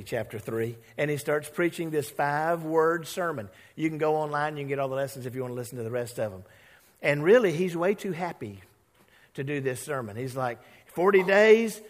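A man preaching a sermon as pastor, telling stories in an animated way and acting out the voices of the people he quotes. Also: on the high side, a little fast. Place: church sanctuary. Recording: long hall reverb.

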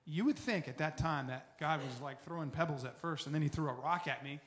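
A man's voice: brisk, slight background noise. Earnest man telling his recovery story. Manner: earnest storytelling, often dropping soft and low. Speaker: recovery testimony speaker. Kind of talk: personal testimony talk.

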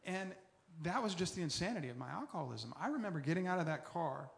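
A man in his forties giving an earnest personal recovery testimony, often dropping soft and low as he tells his story. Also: sing-song, fast, vocal fry.

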